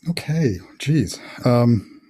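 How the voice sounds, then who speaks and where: A man's voice: mid-range voice, animated, very slow, warm tone, breathy edge. A middle-aged man, an author hosting a casual interview over a video call, thinking aloud with many fillers. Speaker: author and host.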